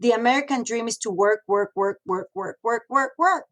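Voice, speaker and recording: A Mexican-born woman in her thirties, a radio host and model, speaks frankly as a guest in a casual interview, using many fillers and restarts. Her voice is on the high side, at a normal speed.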